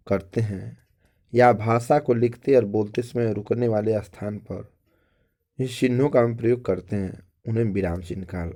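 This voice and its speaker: A man's voice: on the low side, dark tone. A man teaching a school grammar lesson to children, explaining step by step, repeating phrases and checking in with the class.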